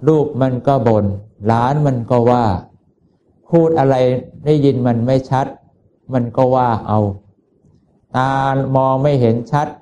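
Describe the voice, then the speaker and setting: Male Buddhist preacher with a warm, mellow voice who delivers a homely sermon full of rhetorical questions. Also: mid-range voice, steady tone, a little slow. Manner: folksy, conversational, with rhetorical questions.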